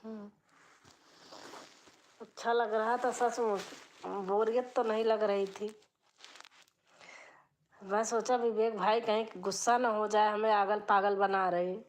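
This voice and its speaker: A woman hosting a live stream, chatting casually with her viewers in a chatty, drawn-out, unhurried way. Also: medium pitch, fairly even intonation.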